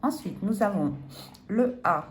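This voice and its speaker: A woman's voice: mid-range voice, lively intonation, slow pace, a little hiss or hum. A woman scratching a lottery ticket on camera, chatting casually and laughing at herself apologetically. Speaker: lottery scratch card vlogger. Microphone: phone or camera filming the ticket.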